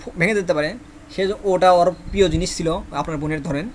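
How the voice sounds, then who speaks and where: Man, high voice, classroom teacher, repeats words, quizzes students, faint background noise. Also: brisk. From Bangladesh. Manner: repeats each word many times, asks the class questions. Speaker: Korean language teacher. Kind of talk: classroom lesson with memory tricks.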